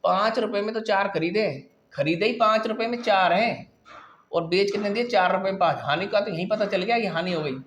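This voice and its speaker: A man teaches a maths class and talks through each problem step by step. His voice sits a little high for a man, and he keeps checking in with the students. A faint hiss of noise runs under the recording. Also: brisk, a bit bright. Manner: explains step by step, often checking with "ठीक है".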